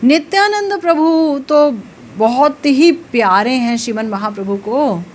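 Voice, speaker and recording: A woman spiritual teacher giving a devotional discourse, telling a sacred story slowly and with rising emotional emphasis. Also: sits high, animated, darkish tone, slight background noise.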